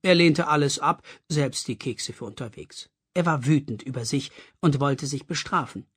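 An audiobook reader narrating a story expressively with a husky voice. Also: mid-range voice, moderate pace, a bit bright. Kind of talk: scripted narration.

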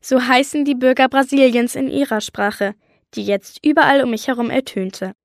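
Woman reading a kids book out loud, lively, kinda high voice, dry studio sound. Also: moderate pace, dry recording. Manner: lively storytelling, voicing a young girl narrator. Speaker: audiobook reader. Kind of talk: scripted first-person audiobook narration.

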